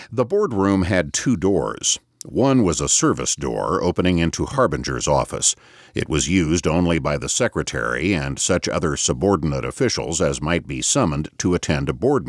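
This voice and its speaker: A man narrating a novel as an audiobook in a measured, expressive reading. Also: extremely low pitch, no room sound, clean studio sound.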